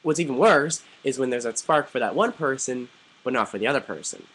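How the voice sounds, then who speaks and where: A man's voice: medium pitch, brisk, breathy edge, poor audio. Chatty young man telling a story. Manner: chatty, animated, quoting others in lively put-on voices, frequent "like". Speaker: vlogger. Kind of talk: casual storytelling to camera.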